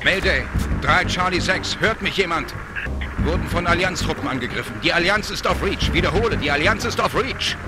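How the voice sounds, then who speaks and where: A man's voice: high-pitched, animated, brisk, over loud music. An actor playing a male soldier under attack, making an urgent distress call over a marine radio transmission.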